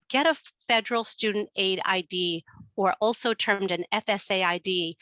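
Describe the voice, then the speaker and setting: A woman's voice: medium pitch, pushed and bright, dry recording. A woman with a New York accent giving an informational webinar presentation on financial aid, explaining steadily with frequent ums over a computer mic on a video call.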